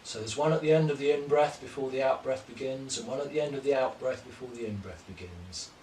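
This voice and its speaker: A man leads a gentle yoga class, slowly cueing each breath and movement in a calm voice. He sits at an ordinary pitch, picked up by a distant mic in a reverberant room with faint background ambience. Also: slight background noise. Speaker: yoga teacher. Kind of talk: guided yoga class instruction.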